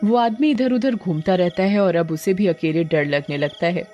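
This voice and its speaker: A woman's voice: fairly low pitch, normal speed, lo-fi sound, noisy background. Woman narrating a horror story.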